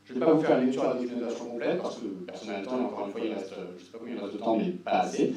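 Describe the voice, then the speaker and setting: A man's voice: medium pitch, racing, a crowd in the background. A man giving an informal technical presentation as a conference speaker, casual and wry with dry-humoured asides. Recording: roomy echo, distant mic, faint hum.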